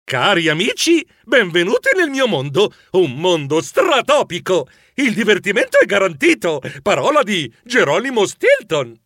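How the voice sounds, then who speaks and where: Animated, lively male audiobook narrator. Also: sits high, moderate pace, hardly any pauses, dry recording, clean studio sound. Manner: theatrical, exclaiming, comic. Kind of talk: scripted first-person narration.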